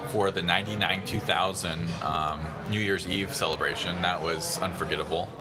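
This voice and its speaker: Man, 30s, very deep voice, relaxed rambling livestream chat, phone audio, restaurant crowd chatter behind. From San Diego, USA. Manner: relaxed, rambling, reads and answers viewer chat. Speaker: livestream host. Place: busy restaurant indoors.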